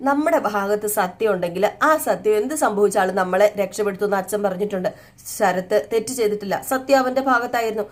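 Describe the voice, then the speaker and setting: A woman voicing a loving young husband who gently reassures his wife. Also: on the high side, a little fast, close to an everyday voice. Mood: soothing. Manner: soothing, reassuring.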